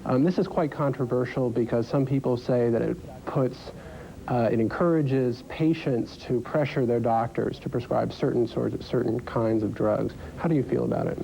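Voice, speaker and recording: Mellow, creaky-voiced male journalist. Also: mid-range voice, normal speed, a little hiss or hum, low-quality recording. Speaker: journalist on interview panel. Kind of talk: interview questioning.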